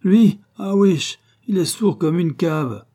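A man's voice: on the high side, unhurried, warm tone, voice pushed up. A man voicing a brusque, sour male hotel porter who grumbles in a storybook reading. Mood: grumbling. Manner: gruff, grumbling.

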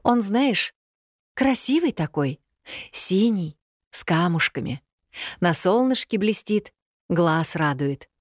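A woman voicing a young bride who babbles flippant nonsense in a higher, lively voice. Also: takes it slowly, long pauses, no echo, clean studio sound.

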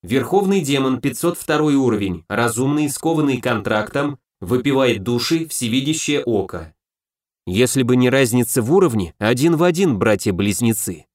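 A man narrating a first-person fantasy audiobook in a brisk, lively storytelling manner. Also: mid-range voice, dry recording, studio quality.

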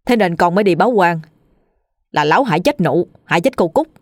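A woman's voice: lowish voice, expressive, a little fast, a little mellow, dry recording, clean studio sound. A woman doing a choked-up village man testifying. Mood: pleading.

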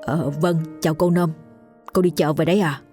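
A woman's voice: low voice, fairly even intonation, moderate pace, warm tone, faint music behind, lightly acted. A woman voicing an elderly father broken by grief, with a choked, pleading manner. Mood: uneasy. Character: grieving elderly father, a distraught old man.

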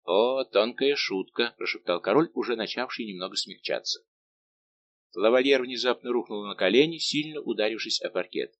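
A man narrating an audiobook in a measured, expressive reading. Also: on the low side, highs cut off. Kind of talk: scripted narration.

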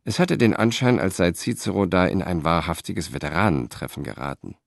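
A male audiobook narrator reading in a measured, even way. His voice sits very low, and the recording is close and dry with no room sound. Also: gravelly, dry recording. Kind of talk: scripted narration.

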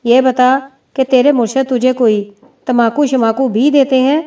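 A woman's voice: sits high, steady tone, dark tone, natural voice. A woman reading as a scornful old village man. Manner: mocking, scolding. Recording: distant mic.

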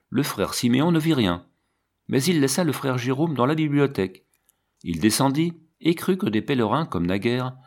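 A man narrating a literary audiobook in a measured, expressive way. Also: mid-range voice.

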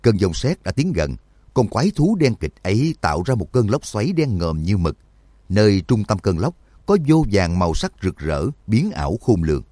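A man narrating an audiobook in an expressive, vivid storytelling manner. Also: lowish voice, moderate pace, no echo.

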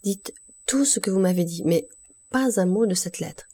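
A woman's voice: medium pitch, moderate pace, breathy edge, close to an everyday voice. A woman reading a tense male prosecutor. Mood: urgent. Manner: commanding, then hushed and pleading. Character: anxious, pale male crown prosecutor.

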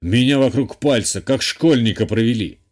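A man voicing an older male university rector, proud and weary, in a lower, gruffer voice in an audiobook. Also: moderate pace, a little mellow, close to an everyday voice. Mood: grave, indignant. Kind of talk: audiobook character voice.

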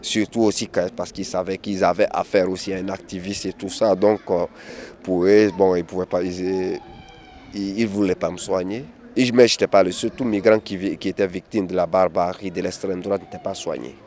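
A man's voice: sits low, fairly even intonation, moderate pace, a little mellow, a little hiss or hum. A man speaks as an interviewee. He talks with many hesitations, repeated words and restarts. He is recorded outdoors in a city. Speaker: interviewee, migrant activist. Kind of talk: candid interview testimony.

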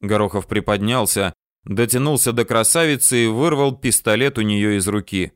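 A man narrating an audiobook in an expressive, dramatic reading. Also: on the low side, moderate pace, clean tone, no room sound, studio quality.

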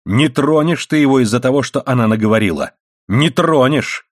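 A man's voice: mid-range voice, animated, a little fast, darkish tone, no room sound, studio quality, natural voice. A man voicing a stern, mocking miner's wife who scolds firmly and answers her husband with sarcasm. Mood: sharp scolding. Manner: reproachful, mocking, firm. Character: stern, sharp-tongued miner's wife and mother.

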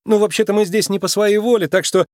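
A man voicing a sly male fox con artist who talks fast and nervously in a storybook reading. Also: high-pitched, lively intonation, dry recording, studio quality, voice pushed up. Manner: nervous, rushed pleading.

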